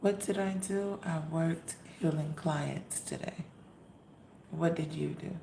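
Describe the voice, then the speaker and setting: A hoarse woman who has lost her voice, hosting a casual live stream as a spiritual reader and greeting viewers by name with sweet endearments. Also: low-pitched, fairly even intonation, slow pace, warm tone, echoey room, a little hiss or hum.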